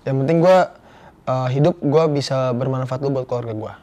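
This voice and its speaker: A young man with a lilt speaks as an interview guest, candid and slangy, with an earnest storytelling manner. His voice sits at a middle pitch for a man, plain and easy to follow. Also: brisk, very noisy. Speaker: guest actor. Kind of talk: casual interview chat.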